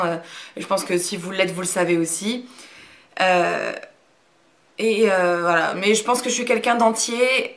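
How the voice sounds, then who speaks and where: Reserved woman in her thirties, plain middle voice, frank but halting, casual video talk. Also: medium pitch, fairly bright tone. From Brittany, France. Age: 30s. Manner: hesitant, many fillers and restarts. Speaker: YouTuber. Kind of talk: casual talk to camera, answering a question tag.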